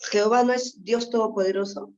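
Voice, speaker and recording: A man joins a Bible class from a video call and chats in with remarks. His voice sits high. The sound is dull and lo-fi. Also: steady tone, fairly quick. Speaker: class participant. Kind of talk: casual questions in class.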